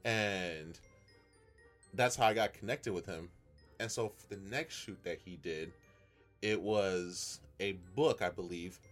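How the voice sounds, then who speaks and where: A man with a fairly low voice tells a story in a relaxed podcast chat. He talks earnestly and often restarts his sentences. Faint music plays underneath. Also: slow pace. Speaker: podcast co-host. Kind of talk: casual chat.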